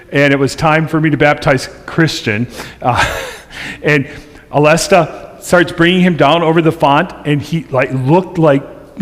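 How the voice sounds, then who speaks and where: A middle-aged male pastor tells stories to his congregation in a relaxed, chatty manner. His voice sits a little high for a man, and it rings with the long reverb of a church sanctuary. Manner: chatty and humorous, laughing at his own stories. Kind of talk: church presentation with storytelling.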